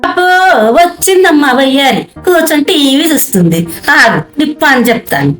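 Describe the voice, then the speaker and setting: A woman playing a spiteful, nagging older mother-in-law who scolds her daughter-in-law in shrill tones. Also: big pitch swings, normal speed. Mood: scheming. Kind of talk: amateur family comedy skit. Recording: echoey room with loud music.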